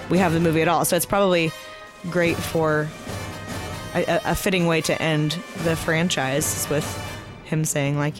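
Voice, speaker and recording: A man muses aloud about a film in casual podcast talk. He pauses and searches for words as he goes. Music runs clearly behind him. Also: on the high side. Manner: thoughtful, halting.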